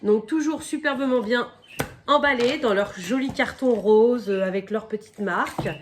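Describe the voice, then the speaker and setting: A woman chatting casually through an unboxing, her voice a little croaky from a cold, filling pauses with "donc" and "euh" and stopping now and then to cough. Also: on the high side, slight background noise. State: has a cold, slightly croaky voice. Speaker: crafting vlogger.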